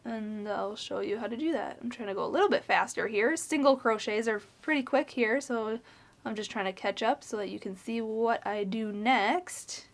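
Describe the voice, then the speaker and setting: A young adult woman teaching crochet, calmly walking through each stitch and counting them aloud. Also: fairly high pitch, normal speed, gravelly. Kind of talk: step-by-step tutorial instruction.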